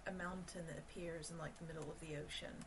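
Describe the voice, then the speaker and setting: Lowish-voiced woman, distant and noisy mic. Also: fairly even intonation, fast. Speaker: podcast guest. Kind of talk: casual book chat.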